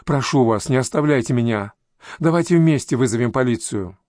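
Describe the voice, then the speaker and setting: Man reading as a frightened young woman, hushed pleading, tense, storybook reading, dry close sound. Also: mid-range voice, lively intonation, a little fast, dry recording, lightly acted.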